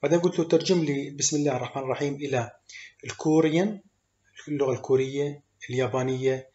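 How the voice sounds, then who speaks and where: A man's voice: mid-range voice, fast talker, mellow. A man teaching programming, explaining step by step with many fillers and English code terms. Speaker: programming instructor. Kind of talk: screen-recorded coding tutorial. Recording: echoey room, dull lo-fi sound.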